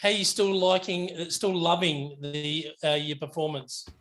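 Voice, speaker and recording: A man's voice: fairly high pitch, a little slow, fairly bright tone, poor audio. A man in a casual group chat on a video call, ribbing the others with crude, swearing banter. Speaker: club member.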